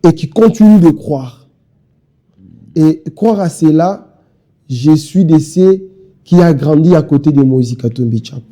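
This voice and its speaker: Speaking a little slowly with long pauses, a young party spokesman gives a televised interview in a fairly high, mellow voice. He comes from Kinshasa, has a Congolese French accent, and delivers insistent, repetitive speeches.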